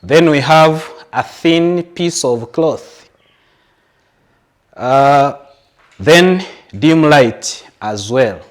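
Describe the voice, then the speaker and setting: A man's voice: a little high, lively intonation, very slow, long pauses. A man with a Ugandan English accent teaching a science lesson to pupils at home, explaining patiently with everyday examples. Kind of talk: televised classroom lesson.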